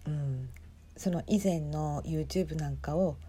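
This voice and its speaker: A woman talks quietly to her listeners while she watches a livestream, often dropping into a breathy half-whisper. Her voice is dark and mellow, with a husky edge. She reacts aloud in a chatty way, close to a phone mic. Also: deep voice, takes it slowly. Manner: speaks softly in hushed whispers. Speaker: podcast host watching a livestream. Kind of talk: casual live commentary, half whispered.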